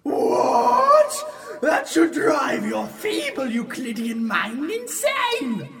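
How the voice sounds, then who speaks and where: Demon, pompous, theatrical, wildly swooping, slow and drawn out. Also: male voice, very high-pitched, huge pitch swings, gravelly, over a noisy crowd, exaggerated voice. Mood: gloating. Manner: bombastic, theatrical, easily offended. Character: pompous shouting elder demon trapped in fridge. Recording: distant-sounding voice.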